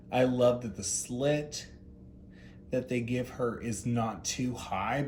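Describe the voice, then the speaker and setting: Slow, low-voiced man, campy and gushing. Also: a little mellow, a little hiss or hum. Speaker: doll review host. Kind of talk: unscripted product review commentary.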